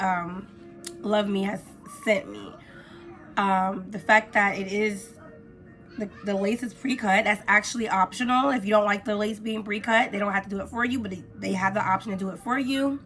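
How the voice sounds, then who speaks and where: Hoarse woman chatting through a casual review. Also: medium pitch, steady tone, normal speed, fairly bright tone, faint music behind. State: hoarse from a cold. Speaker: beauty vlogger reviewing products.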